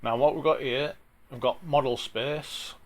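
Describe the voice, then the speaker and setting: A man with a broad Yorkshire accent talking through an informal software tutorial in a plain-spoken, chatty way, with a gravelly voice. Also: medium pitch, fairly even intonation, a little slow. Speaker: tutorial presenter.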